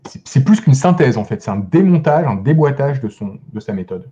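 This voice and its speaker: A man chatting as a guest film critic on a podcast, enthusiastic but halting, with many restarts and fillers. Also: medium pitch, big pitch swings, mellow, dull audio. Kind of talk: casual podcast discussion.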